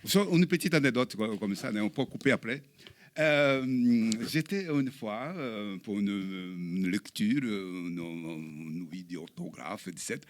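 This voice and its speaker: A man who is an author, a guest telling an anecdote in casual chat, halting and hesitant with many fillers. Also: on the low side, animated.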